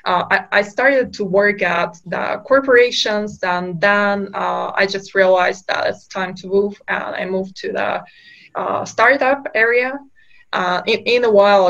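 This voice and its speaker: A woman's voice: medium pitch, gravelly, a bit bright, highs cut off. A woman from Kazakhstan, a startup co-founder, answering interview questions with many fillers and restarts.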